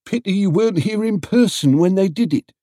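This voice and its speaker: A man's voice: high-pitched, brisk, mellow, no echo, studio quality, voice pushed up, lightly acted. A man voicing chatty male market traders in a storybook, folksy, emphatic and full of advice. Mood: excited, opinionated.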